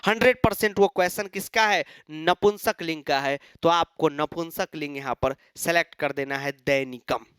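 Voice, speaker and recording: Guy teaching exam prep, asks himself stuff then answers, crisp voice no room echo. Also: a little high, moderate pace, few pauses, clean studio sound. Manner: animated, asks and answers his own questions; mimics students' replies.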